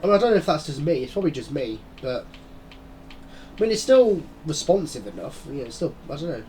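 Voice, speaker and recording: A gaming channel host rambles casually while playing a racing game, chatting and muttering asides in a quick, sing-song voice on the high side with a darkish tone. A head cold has blocked his nose, so he breathes through his mouth, and there's slight background noise.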